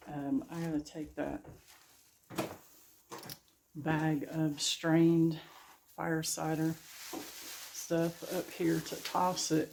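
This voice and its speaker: A woman's voice: low voice, darkish tone, slight background noise. A woman chatting casually to her viewers in a folksy, laughing way while she works outdoors in her garden. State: a little out of breath. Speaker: gardening vlogger. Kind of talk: casual vlog narration.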